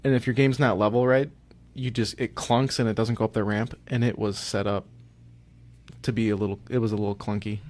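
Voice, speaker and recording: Man calmly recounting a trip. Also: fairly low pitch, brisk. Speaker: podcast co-host. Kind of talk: casual podcast chat.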